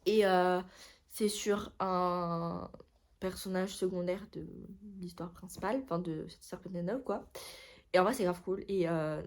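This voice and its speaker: A young woman chats casually about books in a vlog, her voice lowish and steady as she rambles along unhurriedly. She's a book vlogger who talks in a chatty way and often corrects herself.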